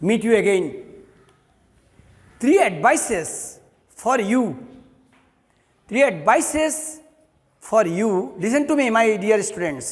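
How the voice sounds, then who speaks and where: A man's voice: sits high, sing-song, drawn-out words, pauses often, in a large hall. A male teacher with a Bangladeshi accent, explaining a lesson step by step and answering his own questions. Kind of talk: online classroom lesson.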